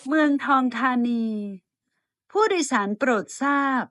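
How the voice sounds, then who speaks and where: A woman's voice: high voice, lively intonation, fairly bright tone, a little hiss or hum. A woman voicing recorded train announcements in a polite, formal, evenly paced way. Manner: polite, measured, evenly spaced phrasing. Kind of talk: formal bilingual transit announcement.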